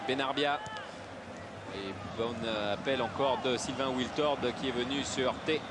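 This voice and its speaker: A man's voice: mid-range voice, fairly even intonation, normal speed. A man calling a football match play by play, naming players in short clipped phrases. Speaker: football commentator. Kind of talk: live play-by-play football commentary. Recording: very noisy stadium broadcast. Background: loud stadium ambience.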